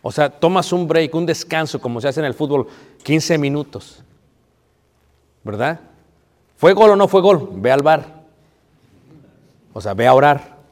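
Pastor preaching in a reverberant hall. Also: male voice, on the high side, expressive, unhurried, pauses often. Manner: conversational, asks the audience questions, playful. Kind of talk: marriage sermon.

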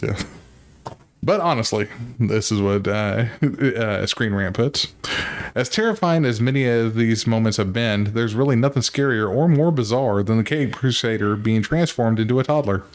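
A man's voice: lowish voice, normal speed. Casual male podcast host. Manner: reads from an article, laughs often, uses fillers. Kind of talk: casual chat reading a list.

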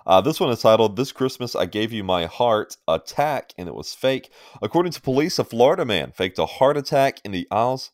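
A man's voice: mid-range voice, very animated, brisk, hardly any pauses, no room sound, studio quality. A man co-hosting a sports podcast in a casual, opinionated way, often laughing. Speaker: podcast co-host.

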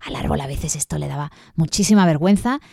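A woman's voice: low-pitched, gravelly. Playful Spanish storyteller woman. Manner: playful, expressive, unhurried. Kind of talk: storytelling performance with songs.

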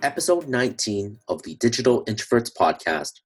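A man hosting a casual podcast interview, reading his intro slowly, then chatting with fillers and soft trailing endings. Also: medium pitch, very animated, music in the background. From Canada. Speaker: podcast host.

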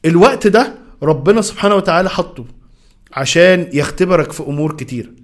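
A young man with an Egyptian Arabic accent delivers a motivational monologue, talking straight at the listener. His voice sits a little high for a man and the words come quickly. He sounds earnest and direct. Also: expressive. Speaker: motivational speaker.

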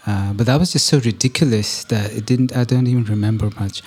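Candid man a mellow, dark voice. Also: mid-range voice, a little fast. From India. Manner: candid and profane, self-deprecating, many fillers. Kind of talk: casual conversation.

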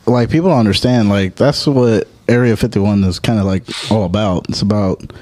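A man's voice: fairly low pitch, normal speed, dark tone. A man co-hosting a casual podcast, rambling and filling with "like". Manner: rambling, filler-heavy "like". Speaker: podcast co-host.

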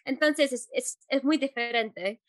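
A woman Spanish teacher answering interview questions, pausing often with fillers and correcting herself as she goes. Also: sits high, no room sound. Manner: hesitant, many fillers and self-corrections.

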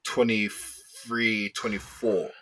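A man's voice: fairly low pitch, level tone, slow pace, sharp tone, low-quality recording. A young man with a London roadman accent, debating football casually in slang peppered with "bro", "man" and "yeah". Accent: London, urban street slang (roadman).

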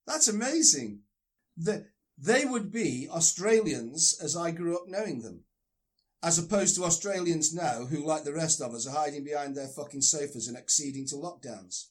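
Ranting man with a high voice. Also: animated, moderate pace. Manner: ranting, emphatic, swears freely. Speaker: discussion partner. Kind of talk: casual discussion of a book.

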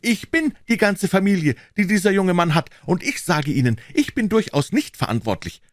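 Shrill, whining old nobleman. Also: very animated, no echo, studio quality. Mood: indignant, stingy. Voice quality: whining yet sharp, fast and insistent. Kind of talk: audiobook character voice.

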